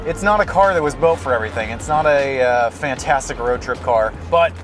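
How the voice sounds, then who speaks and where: Brief: mid-pitched man, measured vlog review, music bed behind. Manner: thoughtful, measured verdicts. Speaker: road trip vlogger.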